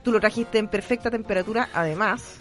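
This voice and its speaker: A woman's voice: mid-range voice, a little fast, soft background music. A woman with a Chilean accent co-hosting a casual chat, playful and laughing often. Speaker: co-host.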